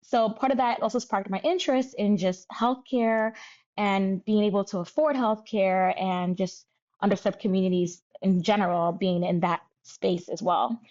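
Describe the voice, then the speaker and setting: A woman in her thirties, originally from Nigeria, appears as a guest physician in a conversational interview, speaking thoughtfully and candidly. Her mid-range voice is steady and somewhat dark, at a normal pace. The recording sounds muffled.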